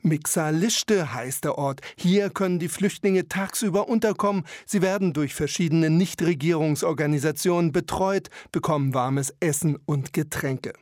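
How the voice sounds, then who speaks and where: A man narrating a news report in a measured, matter-of-fact way. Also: fairly high pitch, no echo, studio quality.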